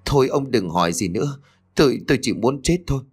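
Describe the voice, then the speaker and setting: A man's voice: mid-range voice, animated, quick pace, a little mellow, slightly rough, soft background music. A man voicing a frantic, grieving middle-aged mother who pleads tearfully. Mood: distraught.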